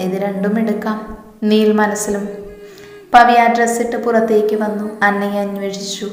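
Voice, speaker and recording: A woman tells a romance story and voices all of its characters in her own plain speaking voice. Her pitch barely moves, so the delivery stays flat and even throughout. The recording is roomy, with a long reverb trailing each phrase.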